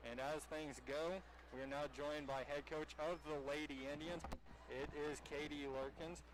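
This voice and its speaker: A man hosting a local sports stream, asking postgame questions in a measured, unhurried way. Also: a little high, fairly even intonation. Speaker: local livestream announcer. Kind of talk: postgame interview. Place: high school gym after a game. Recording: noisy gym ambience.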